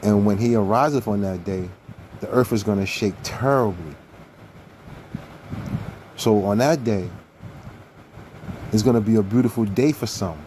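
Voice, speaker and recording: A man's voice: fairly low pitch, darkish tone, a little hiss or hum. A man giving an earnest sermon-style scripture teaching, emphatic and repeating key phrases.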